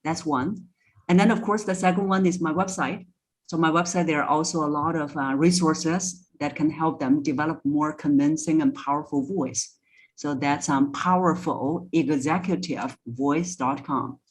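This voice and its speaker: Speaking at a normal speed in a deep, steady voice, a woman shares conversational expert advice as an interview guest. As a voice coach, she explains instructively, using examples that go step by step.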